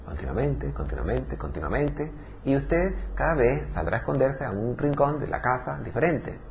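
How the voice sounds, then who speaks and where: Animated man giving a spiritual lecture. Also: medium pitch, normal speed, lo-fi sound, slight background noise. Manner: animated, rhetorical questions, acts out voices. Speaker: spiritual teacher.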